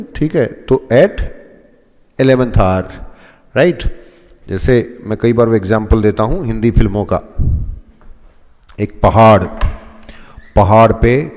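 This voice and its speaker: A man's voice: mid-range voice, a little mellow, long reverb tail. A man teaching English phrases, explaining in Hindi and acting out examples. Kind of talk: spoken English lesson in Hindi.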